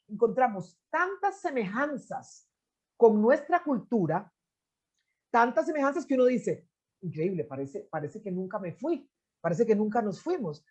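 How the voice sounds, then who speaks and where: Speaking as an interview guest, this Costa Rican anthropologist and poet in middle age recounts family history, with frequent restarts and "este" fillers. Her voice sits a little high, warm and slightly rough, and the recording has its highs cut off.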